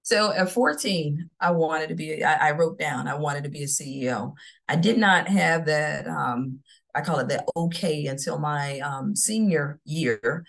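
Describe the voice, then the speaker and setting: A woman's voice: deep voice, a little slow, vocal fry. A middle-aged woman from Florida, telling her career story with confidence in a podcast interview. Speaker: guest, CEO.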